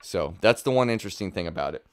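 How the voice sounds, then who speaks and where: A low-pitched, animated man in his thirties moves at a quick pace through a casual guitar gear demo, with no echo. He talks through his thinking while explaining, recorded in a small home studio on a close boom-arm studio mic.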